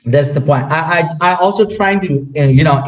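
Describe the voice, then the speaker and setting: High-voiced man with a Burmese accent. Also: moderate pace, low-quality recording. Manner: hesitant, repeats words, many "you know" fillers. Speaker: guest sharing language-learning tips. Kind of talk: casual conversation.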